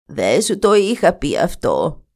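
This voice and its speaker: A woman voicing a proud old grandmother who is a rainbow spirit, speaking slowly and grimly in a storybook reading. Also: fairly low pitch, wildly swooping pitch, a little mellow. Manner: slow, grim, boastful.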